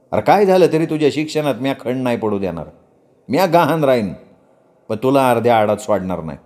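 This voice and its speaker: A man voicing a caring but blunt rural older brother who speaks in a rough village manner. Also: mid-range voice, darkish tone, natural voice. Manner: blunt village dialect, coaxing.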